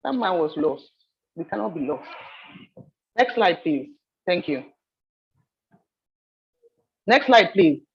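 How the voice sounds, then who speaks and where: Husky-voiced woman giving a training talk. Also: on the low side, slow, pauses often, lo-fi sound. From Nigeria. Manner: animated storyteller, repeats phrases. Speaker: soft skills trainer.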